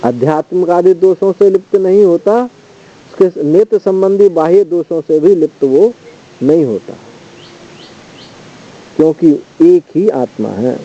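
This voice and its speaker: A man teaching as a swami, reciting Sanskrit verses and then explaining them in a measured, steady commentary. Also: high voice. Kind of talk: scripture study commentary. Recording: dull lo-fi recording.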